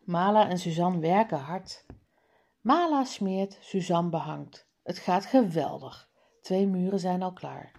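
A woman reading a children's reading book aloud slowly and clearly, for learners. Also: lowish voice, animated, darkish tone. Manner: clear, deliberate, over-articulated. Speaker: reader.

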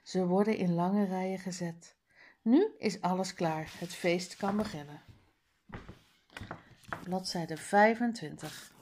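A woman's voice: on the low side, slow, long pauses, darkish tone, a little hiss or hum. A woman reading a children's book aloud page by page, with careful word drills. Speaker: reader.

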